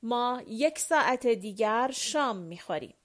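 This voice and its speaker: A steady, affectionate general gives orders without fuss in an audiobook, read by a woman. The delivery is measured and warm in intent, kept near the reader's own fairly high voice. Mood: calm instructions. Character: calm, affectionate male general, gently commanding. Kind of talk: audiobook character voice.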